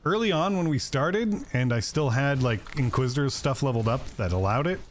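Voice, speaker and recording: A man talks through a video game as he plays, chatting with viewers and tossing in jokes. His voice is of middling pitch but swings up and down a lot. A faint hiss sits under the recording. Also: lively intonation, a little fast. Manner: chatty, joking asides to viewers. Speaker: gaming streamer. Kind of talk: casual gameplay commentary.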